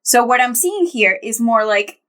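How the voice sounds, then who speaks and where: A young woman co-hosts a podcast, casually chatting and thinking out loud in a thoughtful, rambling way full of fillers and restarts. Her voice is slightly high and fairly bright, animated but measured in pace.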